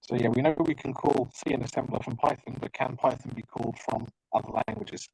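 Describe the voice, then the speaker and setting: A man's voice: medium pitch, fairly even intonation, gravelly, a little mellow, breathy edge, no room sound, low-quality recording. A man moderating a question session on a video call, friendly and hesitant with many fillers. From United Kingdom. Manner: hesitant, fills pauses, friendly.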